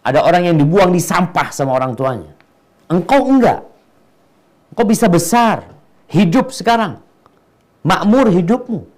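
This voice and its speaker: A middle-aged man preaching a sermon, dropping to quiet low asides and rising to emphatic, slangy appeals. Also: sing-song, moderate pace, pauses often.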